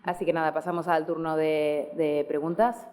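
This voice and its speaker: A woman's voice: deep voice, little pitch movement, normal speed, a little mellow. A woman moderating a session, thanking the speaker and asking a question in a hesitant, searching way.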